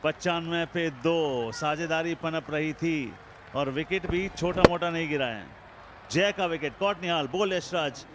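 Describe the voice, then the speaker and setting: A man commentates on cricket in Hindi with bits of English. His high voice carries a theatrical, rhyming turn of phrase over clear outdoor ground noise. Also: measured pace.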